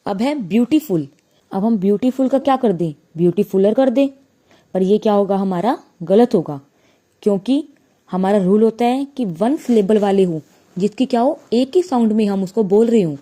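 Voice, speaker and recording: A woman teaching a grammar lesson, slowly explaining and asking and answering her own questions. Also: mid-range voice, warm tone.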